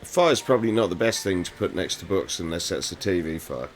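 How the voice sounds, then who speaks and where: A man's voice: low-pitched, lively intonation, fairly quick, a little hiss or hum. A man giving casual, sarcastic commentary over gameplay. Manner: sarcastic, wisecracking asides. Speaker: let's play commentator.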